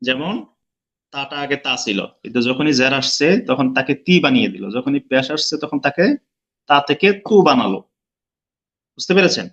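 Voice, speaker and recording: A man's voice: mid-range voice, normal speed, fairly bright tone, dull audio. A man teaching an online lesson, explaining step by step and quizzing his students. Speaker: Quran recitation teacher.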